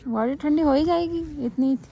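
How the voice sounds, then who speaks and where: A young woman with a high, warm voice vlogs from a windy mountain summit, speaking at a moderate pace into a handheld phone camera. The travel vlogger narrates casually and cheerfully, chatty and upbeat as she teases her friends.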